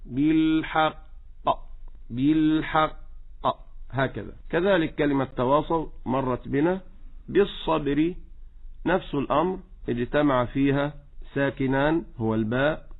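A man teaching Quran recitation rules, patiently correcting and slowly modeling each word. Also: medium pitch. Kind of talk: tajweed lesson with recited examples. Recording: tinny phone-like line.

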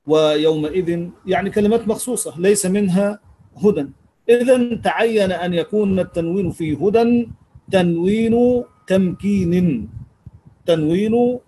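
A man's voice: high voice, mellow, a little hiss or hum, poor audio. A man teaching a live lesson on Quranic grammar, patiently repeating key words and thanking listeners as he answers their comments.

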